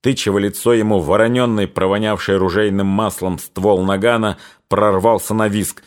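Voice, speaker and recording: A man narrating a literary story in a measured, expressive audiobook reading. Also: lowish voice.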